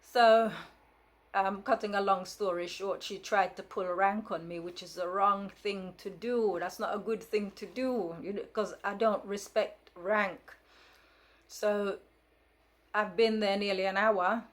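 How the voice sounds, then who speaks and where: A vlogger in her fifties, Jamaican Patois her first language, rambles through a story to the camera with frequent fillers and restarts and a no-nonsense frankness. Her voice is medium-pitched, fairly even in intonation and a little slow.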